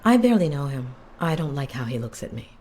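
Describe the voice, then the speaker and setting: An actress playing a weary, guarded waitress and cleaner in a video game, hesitant, working the counter as a fast food cashier. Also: female voice, very deep voice, big pitch swings, mellow.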